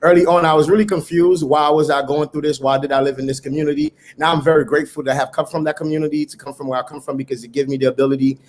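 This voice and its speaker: A middle-aged startup founder from Haiti, interviewed conversationally, speaks very fast with few pauses in a level, somewhat high voice, and a little hiss or hum is audible. His account is earnest and motivational, with some words repeated.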